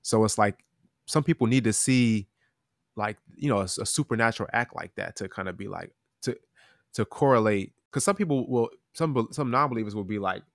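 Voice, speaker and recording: A man talking earnestly about end times in a casual Bible chat, halting with many restarts. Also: on the low side, dry recording, clean studio sound.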